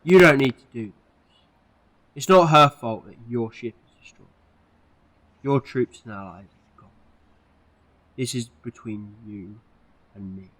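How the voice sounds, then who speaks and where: A man's voice: mid-range voice, expressive, measured pace, pauses often, a bit bright, low-quality recording. A man playing an eccentric, protective time-travelling hero in an amateur audio drama, earnest and theatrical in delivery. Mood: protective pleading.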